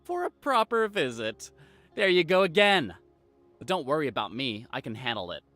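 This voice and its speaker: A man's voice: mid-range voice, sing-song, a little fast, pushed and bright, no room sound, soft background music. An actor playing a cocky, hostile handyman in a video game, brash, boastful and confrontational. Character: cocky, hostile man, arcade-loving handyman.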